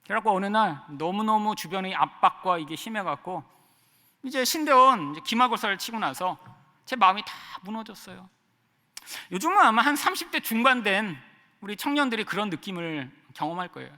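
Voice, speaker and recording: A middle-aged man preaching a sermon as a pastor, telling a personal story in an animated way. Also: high voice, fairly quick, big-room sound. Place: church sanctuary.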